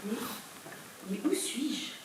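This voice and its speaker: A woman playing an irascible, money-obsessed boss, dazed from sleep, in a theatrical stage comedy. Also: extremely slow. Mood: startled, dazed. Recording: very noisy echoey stage, distant mic.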